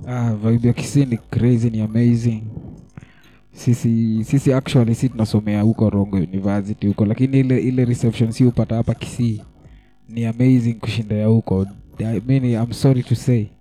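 A man's voice: medium pitch, fairly even intonation, a little fast, dark tone. A young man with a Kenyan accent, a rapper giving an interview in casual, heavily slangy talk. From Nairobi, Kenya. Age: young adult. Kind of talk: casual chat with heavy slang.

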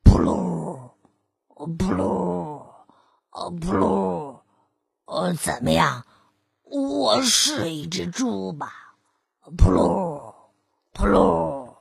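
Woman putting on a low-voiced old storybook wolf, stammering, fearful, breathy, dry close sound. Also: lively intonation, very slow, long pauses, no room sound, heavily acted. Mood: panicky grunting. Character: hungry old male wolf, timid and stammering.

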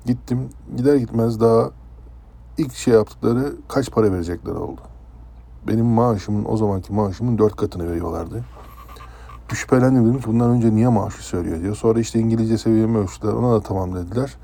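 A man from Turkey, a former ship's chef, casually recounting a personal story in a conversational, animated way. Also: on the low side, brisk, vocal fry. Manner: conversational, animated when telling dramatic parts.

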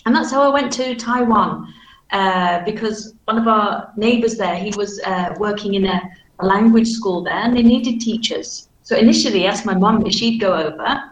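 Echoey, softened Manchester woman with flat vowels. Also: medium pitch, normal speed, muffled recording. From Manchester, England. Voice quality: flat vowels, strong hard g in -ing endings. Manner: careful, explanatory speech. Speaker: English teacher. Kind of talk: informal question-and-answer talk. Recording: echoey room sound.

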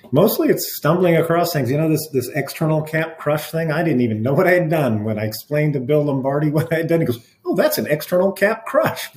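Lower-voiced guy, middle-aged, chatty, lots of restarts. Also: echoey room, slight background noise. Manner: animated anecdotes with frequent restarts and laughs. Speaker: interventional cardiologist guest. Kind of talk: conversational interview storytelling.

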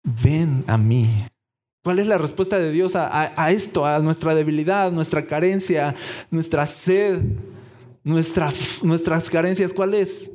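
A man's voice: a little high, steady tone, measured pace, a little mellow. A man preaching a sermon, acting out imagined dialogue and asking the congregation questions.

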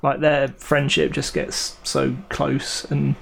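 Hesitant man with a very gravelly voice. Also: medium pitch, level tone, slow pace, slight background noise. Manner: hesitant, restarts, many "um"s. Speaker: podcast co-host. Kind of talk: casual chat.

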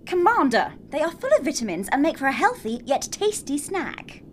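A prim, earnest female astronaut, played by a woman in a comedy sketch. The voice sits high and swings very widely in pitch, with a faint ambient hiss behind it. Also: big pitch swings, moderate pace. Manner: prim, earnest, slightly indignant.

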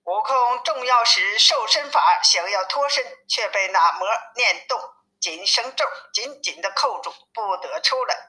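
A woman reading a classic novel aloud as a storyteller, in steady, even narration, with a tinny phone-like sound. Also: fairly high pitch, a little slow.

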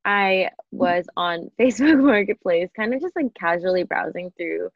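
A woman, a podcast guest with a husky just-woken-up voice, laughing and self-mocking. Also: lowish voice, lively intonation, normal speed, no room sound, muffled recording. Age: 20s. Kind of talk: casual chat.

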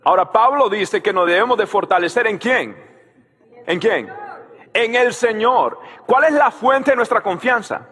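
A man preaching a sermon as pastor, telling a story and shouting out key lines while he asks the crowd to answer him. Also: high-pitched, animated, unhurried, in a large hall.

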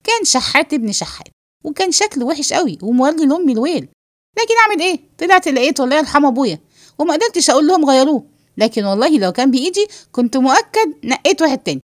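In a read-aloud play, a woman gives rapid-fire lines as a teasing, joking man with an Egyptian accent who eats without a care. Her high voice swings widely in pitch, fairly bright and pushed up. The recording is dry and studio quality.

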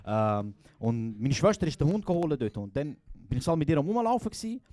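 A man's voice: on the high side, big pitch swings, brisk, warm tone, no echo. Slangy young Swiss German man telling a story. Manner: laughing often, slangy, lots of "Bro". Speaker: podcast host. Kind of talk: casual comedic storytelling at a live show.

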